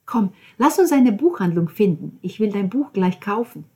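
A woman's voice: mid-range voice, sing-song, moderate pace, darkish tone, slightly rough. A woman voicing a curious young woman who asks teasing questions. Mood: playful.

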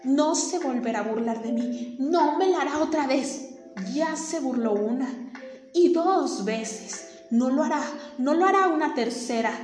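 A woman voicing a furious, brutish male villain who shouts threats in a storybook tale. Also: sits high, a little slow. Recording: echoey room with faint music.

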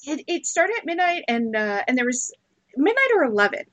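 A woman hosting a podcast interview, chatting in a relaxed, joking, reassuring way. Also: high voice, brisk, no room sound. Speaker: podcast host. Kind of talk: casual interview chat.

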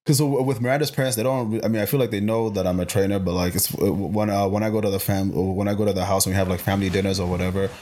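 Fast-talking, animated personal trainer guy. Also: on the low side. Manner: rapid and animated, full of fillers and acted-out quotes. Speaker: personal trainer, podcast guest. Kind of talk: casual podcast conversation.

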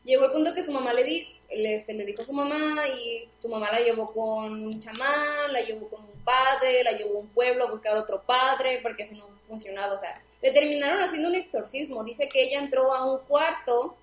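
A woman's voice: sits high, a little fast, few pauses, echoey room, poor audio. A young woman, co-hosting a podcast and recounting a story in rambling casual chat. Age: young adult. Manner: rambling narration with fillers. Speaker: podcast co-host.

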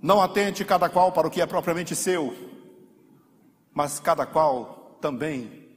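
A man with a Brazilian Portuguese accent preaching a sermon in church, acting out the prayers of his listeners and building to shouts. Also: on the high side, a little slow. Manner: dramatic, acts out the congregation's prayers, swells to shouting. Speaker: pastor. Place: church hall. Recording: faint hall reverb, light room noise.

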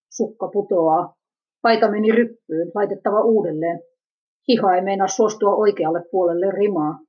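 A woman's voice: mid-range voice, a little mellow, husky. A woman reading a first-person personal narrative aloud in an introspective, self-questioning manner, on a dull lo-fi recording.

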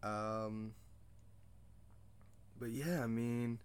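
A man's voice: medium pitch, fairly even intonation, very slow, clean tone. A young adult man hosting a casual movie discussion podcast, rambling loosely with many fillers and self-mocking jokes. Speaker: podcast host.

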